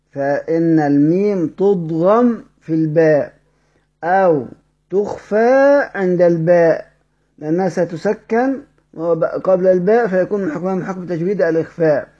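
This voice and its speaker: A man with an Egyptian accent teaches the rules of recitation, explaining each one and then chanting verse examples slowly. His voice sits a little high and sounds mellow. The recording is dull and lo-fi. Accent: Egyptian Arabic. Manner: asks questions of students, then answers them. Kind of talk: recorded tajweed lesson.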